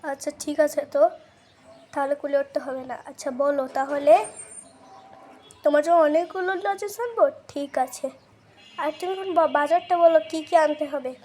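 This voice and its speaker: A girl voicing a tired, easygoing father in a doll-play skit, speaking calmly to smooth things over. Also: high-pitched, normal speed, long pauses, close to an everyday voice.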